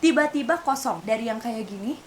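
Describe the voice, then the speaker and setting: A woman's voice: a little high, brisk. A young woman from Indonesia telling a personal story to camera, casually mixing in English phrases. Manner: mixes in English phrases, refers to herself by name, animated retelling. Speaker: vlogger. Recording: faint hiss.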